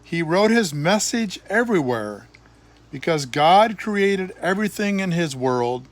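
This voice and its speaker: In a high voice, an older man and grandfather reads aloud from a children's Bible storybook, expressive throughout, with deliberate phrasing and pauses that add emphasis.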